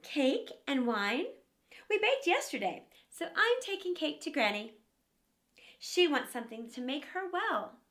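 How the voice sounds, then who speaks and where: A woman's voice: high voice, sing-song, measured pace, a bit bright, full character voice. A woman voicing a sweet, innocent little girl in a children's fairy tale.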